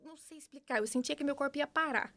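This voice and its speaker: A young woman with a Brazilian Portuguese accent, a podcast guest giving an earnest, animated personal testimony with frequent restarts. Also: high voice, fast talker. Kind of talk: personal testimony in casual conversation.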